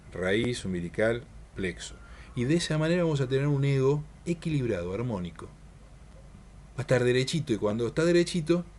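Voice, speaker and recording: A man, giving a spiritual workshop talk and speaking in a measured way, repeating his points and asking rhetorical questions. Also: mid-range voice, a little mellow.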